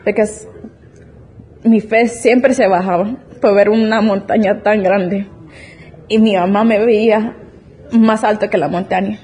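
Speaking at a measured pace with long pauses, this twenty-something woman gives an earnest, emotional church testimony about her faith and often starts sentences over. Her mid-range voice is steady and darkish, with slight background noise.

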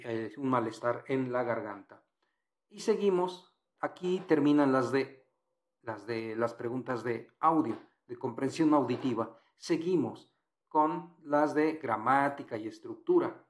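Slow, patient male English teacher. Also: mid-range voice, reverberant. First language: Spanish. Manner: patient, repeats and translates phrases. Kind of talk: explaining exam answers.

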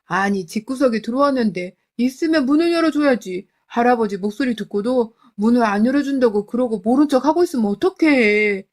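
A scornful old father-in-law, voiced by a woman reading the story nags with harsh, belittling contempt. His lines come out loud and hard against the narration. The voice stays hard-edged throughout. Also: fairly high pitch, expressive, a little fast, few pauses. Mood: scornful scolding.

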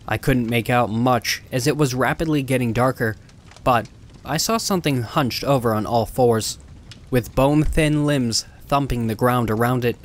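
A man reading a first-person horror story in a steady, measured way. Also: medium pitch, slight background noise.

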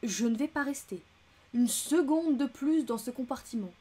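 A woman's voice: high-pitched, lively intonation, normal speed, dark tone, husky, pitched above the performer's own voice. A woman voicing a fussy, anxious older American lady who complains shrilly and breathlessly, in an audiobook reading. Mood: indignant.

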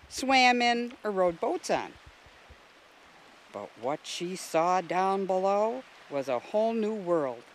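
A woman volunteer reading a children's storybook aloud in a gentle, expressive way. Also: fairly low pitch, a little hiss or hum, poor audio. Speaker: volunteer narrator.

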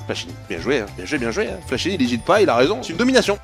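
A young man commentating a video game replay as a streamer, fast and slangy, dropping to mutters and then bursting into shouts. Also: fairly high pitch, wildly swooping pitch, creaky, soft background music.

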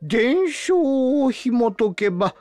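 Slow, wheezy-old-prospector-style village elder. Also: male voice, extremely high pitch, big pitch swings, a little mellow, dry recording, faint music behind, heavily acted. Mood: solemn, unhurried. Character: sleepy, hard-of-hearing old village elder man, slow and cranky. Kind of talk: video game character acting.

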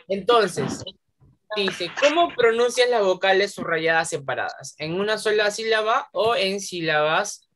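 A woman's voice: medium pitch, unhurried, a bit bright. A woman teacher giving a patient lesson to young pupils, quizzing them step by step. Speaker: primary school teacher. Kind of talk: online class lesson.

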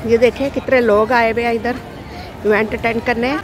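Speaking at normal speed in a fairly high, even voice, a woman vlogs casually on a handheld phone as she walks through a busy square with crowd noise and music. She points things out like a tour guide and calls to her child.

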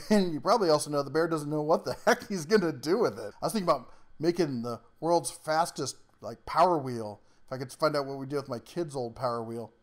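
A man with a somewhat high voice runs down a list of tools in casual, folksy shop talk. He rambles between points and chuckles often, like someone chatting from his garage workbench. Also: fairly quick. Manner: down-to-earth workshop slang. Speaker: tool review channel host. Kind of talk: casual product rundown.

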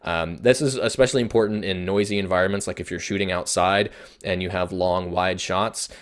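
Low-voiced man teaching audio basics. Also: fairly even intonation, a little fast. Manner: explanatory, conversational, many fillers and restarts. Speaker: instructor. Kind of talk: video production lesson.

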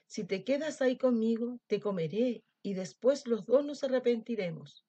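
A gruff yet soft-hearted old wolf from a storybook, as a woman reading aloud puts him on, grumbling and pleading in bursts. The voice is husky and mellow, captured on a dull lo-fi recording. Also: lively intonation, moderate pace, no room sound. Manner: exclaiming, pleading, louder and higher.

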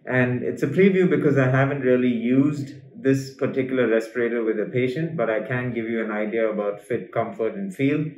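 A man's voice: medium pitch, a little fast, few pauses, darkish tone, a little hiss or hum. A man, a dentist, talking through a face mask in a casual review, explaining step by step as he demonstrates. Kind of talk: casual product review vlog. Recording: roomy, dull lo-fi sound.

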